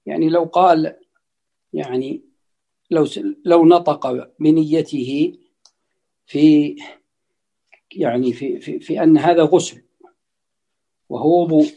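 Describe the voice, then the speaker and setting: Man explaining an old legal text, mellow husky voice, keeps repeating himself slowly. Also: on the high side, muffled recording. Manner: deliberate, repeats phrases for emphasis. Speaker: religious teacher.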